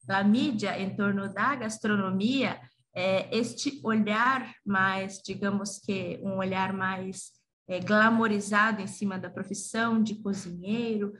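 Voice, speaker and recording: A woman with a Brazilian accent and Portuguese as her native language gives an informal academic talk, hesitantly searching for words. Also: medium pitch. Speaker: gastronomy teacher presenting her research. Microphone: computer on a video call. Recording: video call with clear background noise.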